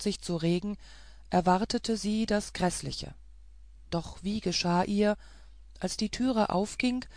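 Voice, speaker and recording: A woman narrating a classic novella in a measured, expressive storytelling manner. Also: medium pitch, no room sound. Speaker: audiobook narrator.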